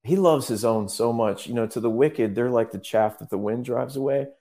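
A man's voice: mid-range voice, normal speed, dark tone. A man speaking as a guest minister in a casual interview, earnest and rambling, often restarting his sentences.

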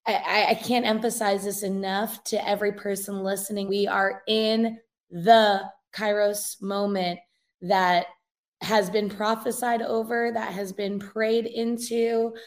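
A woman with a raspy voice that is nearly gone, speaking earnestly and emphatically as an interview guest giving testimony. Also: medium pitch, flat delivery, unhurried. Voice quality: hoarse, raspy voice. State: hoarse, losing voice. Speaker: guest, missionary and revivalist. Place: inside an old rented house, remote guest.

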